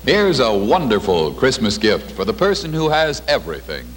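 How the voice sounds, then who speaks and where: A man's voice: mid-range voice, huge pitch swings, normal speed, husky. A man announcing in a 1950s TV broadcast style, reading scripted advertising in a polished, promotional delivery. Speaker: commercial announcer. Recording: vintage 1950s broadcast, music behind.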